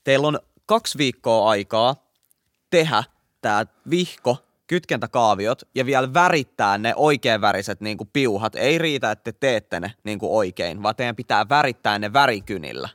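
A strict, stubborn vocational teacher, put on by a man, handing out demands in a curt, dismissive way. The delivery rises and falls a lot in pitch, and the recording is dry and close. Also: animated, fairly bright tone, no echo, natural voice. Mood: stern.

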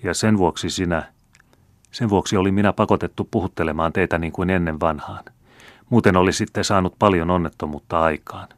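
Man doing a dutiful young woman in a storybook reading, grave and pleading, deep dry voice. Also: dry recording, natural voice.

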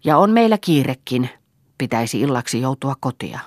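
A woman reader voicing a practical farm master who talks in a brisk, hurried way. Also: a bass voice, sing-song, darkish tone, dry recording, clean studio sound, heavily acted.

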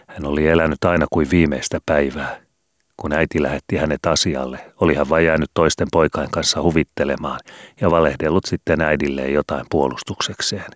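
A man reads a storybook aloud in a measured, even narrating voice. His voice sits very deep, and the recording is dry and close with no room echo. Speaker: audiobook reader. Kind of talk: scripted audiobook narration.

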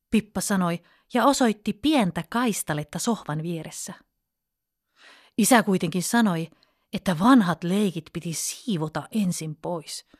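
A woman telling a children's fairy tale in an expressive, storybook way. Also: fairly low pitch, no echo, clean studio sound. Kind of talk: children's bedtime story reading.

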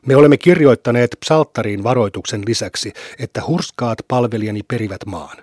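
A man giving a measured, solemn reading of scripture for radio, letting each phrase fall at its end. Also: mid-range voice, a little mellow, slightly rough, no echo, studio quality. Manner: measured, solemn recitation with falling phrase ends. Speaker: Quran reader.

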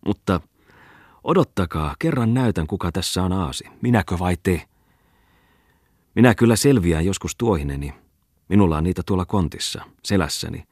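A man's voice: deep voice, lively intonation, long pauses, darkish tone, husky, dry recording, studio quality, heavily acted. A man voicing a gleeful, mocking male schoolmaster who lectures a crowd in a raised, sneering tone, read from a storybook. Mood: taunting. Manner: sneering, preachy speechmaking.

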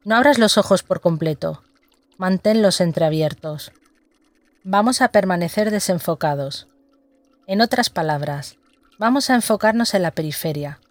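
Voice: medium pitch, no room sound. Guided meditation narrator, very dry sound.

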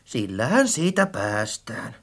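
A performer voicing an eager, clumsy, easily frightened companion in an audiobook story, with lively, expressive delivery. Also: mid-range voice. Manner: lively, expressive, calls out loudly. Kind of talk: audiobook character acting.

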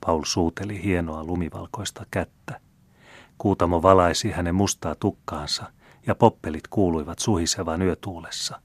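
A male reader narrating a classic novel in a measured, even manner. His voice is deep and low. The recording is dry and close. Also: slightly rough, no echo. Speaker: audiobook reader.

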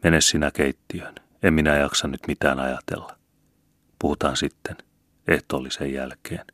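A man reading an old farmer father in an audiobook, gruff and strained. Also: very deep voice, fairly even intonation, fairly bright tone, no room sound, studio quality. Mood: weary. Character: older farmer father, proud and shaken.

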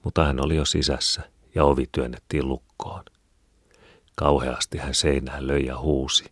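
A man reading a classic novel aloud in a measured, even storytelling manner. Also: a bass voice, husky, no room sound, studio quality. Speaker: audiobook reader. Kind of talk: scripted narration.

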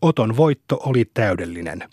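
A man reading a classic novel aloud as an audiobook narrator, telling the story calmly and evenly. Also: on the low side, breathy edge, dry recording, clean studio sound. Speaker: audiobook reader.

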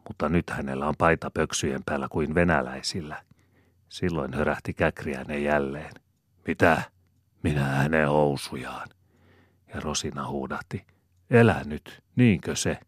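Very deep-voiced man reading a novel. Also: no room sound, clean studio sound. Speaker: audiobook reader. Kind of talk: scripted narration.

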